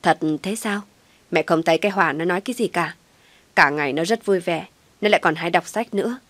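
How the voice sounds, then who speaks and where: A woman's voice: lowish voice, fairly quick, a bit bright, no echo. A woman voicing a doting older mother-in-law who talks in a soothing, fretful way.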